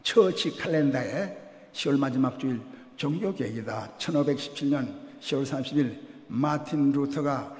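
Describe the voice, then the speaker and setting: An older man who is a pastor, preaching a sermon in a lively storytelling way with humor and acted voices. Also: mid-range voice, moderate pace. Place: church sanctuary. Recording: echoey church hall.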